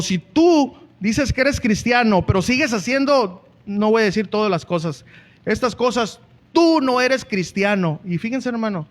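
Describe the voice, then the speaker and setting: A man with a Mexican Spanish accent preaching a sermon earnestly as a pastor, often calling out to the congregation. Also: sits high.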